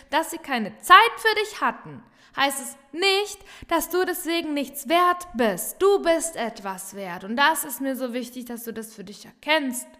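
A woman coach delivers an earnest motivational talk, speaking directly to her listener and circling back to the same points again and again. Her voice sits high and bright. A long reverb trails after her words, as if she is speaking in a large hall. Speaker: business coach.

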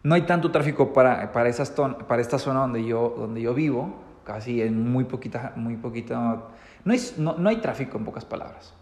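A man with a Mexican accent telling a story to his viewers, animated, with many fillers and restarts. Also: medium pitch, brisk, roomy sound, in a large hall. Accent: Mexican Spanish. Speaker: vlogger.

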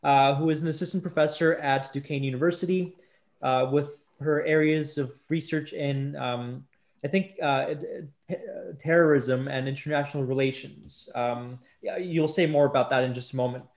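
Guy hosting a podcast, kinda high voice, lots of uhs and restarts. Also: moderate pace. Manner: hesitant, many fillers and restarts. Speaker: podcast host. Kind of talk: casual podcast interview.

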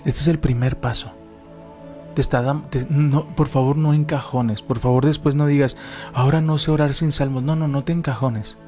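Man, animated then prayerful. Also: medium pitch, faint music behind. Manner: animated storytelling, slows into fervent prayer. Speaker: co-host and preacher.

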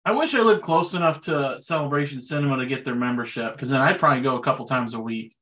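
A man co-hosting a podcast, chatting casually about movies in a relaxed way with loose fillers. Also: medium pitch, fast. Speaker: podcast co-host.

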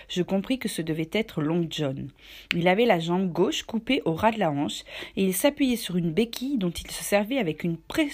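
A woman narrating a novel aloud, with a steady, measured delivery and small self-corrections. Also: mid-range voice.

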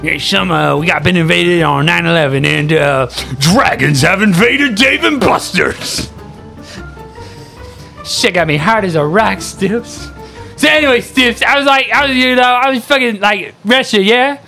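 Young male frat-bro type, rowdy casual chat, bright and gravelly, slangy, sweary. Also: sits high, moderate pace, soft background music. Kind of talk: casual chat among friends.

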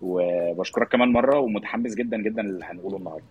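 Fast-talking Egyptian man hosting, husky voice. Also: lowish voice, narrow, tinny audio. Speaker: podcast host welcoming a guest. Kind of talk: casual live online interview.

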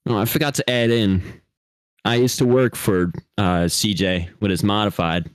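A man's voice: on the low side, normal speed, no echo. A young man co-hosting a casual podcast, rambling and laughing at himself as he talks. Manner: giggly, rambling, self-deprecating. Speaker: podcast co-host, driver.

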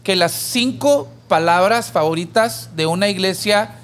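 Animated high-voiced man telling a parable. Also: unhurried, slight background noise. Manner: animated storyteller who raises his voice for the pleading character. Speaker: podcast co-host. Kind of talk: conversational church teaching, telling a parable.

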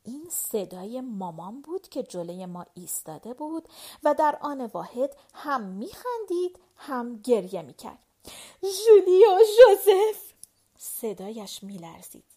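A woman narrating a novel in the first person, with expressive, animated storytelling. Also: a little high, slightly rough. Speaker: audiobook narrator.

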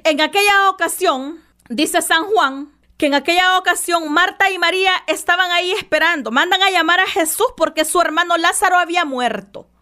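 Impassioned high-voiced woman preacher. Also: moderate pace, sharp tone. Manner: impassioned, emphatic repetition, affectionate address. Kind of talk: devotional sermon.

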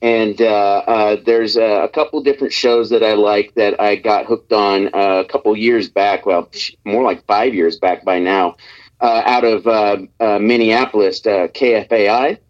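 Calling in on speakerphone, a Nebraska man joins a radio show for a relaxed, meandering chat packed with fillers and false starts. He has a fairly low, steady voice at a moderate pace, heard over a dull, muffled line.

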